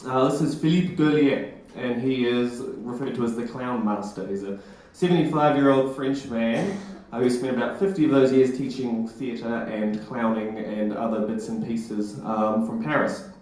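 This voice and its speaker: A man's voice: mid-range voice, moderate pace, few pauses, darkish tone. Wry New man in an echoey hall. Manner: self-deprecating, wry. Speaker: presenter. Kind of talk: comic storytelling talk. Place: stage at a live event hall. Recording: echoey hall, live talk.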